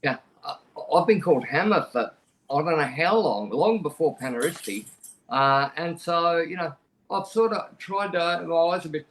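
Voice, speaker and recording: With a fairly high, fairly bright voice, lively intonation and a moderate pace, a middle-aged Australian man tells a personal story on a podcast. He's frank and conversational, plain-spoken, and keeps restarting his sentences.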